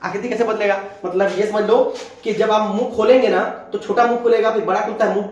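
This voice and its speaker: A fairly high-voiced man teaches a class in a lecture style, going over each point twice so his students can copy it down. His voice bounces around a very echoey room. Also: fairly even intonation, a little mellow, dull audio. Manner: repeats and dictates slowly for note-taking. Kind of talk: classroom lecture dictating notes.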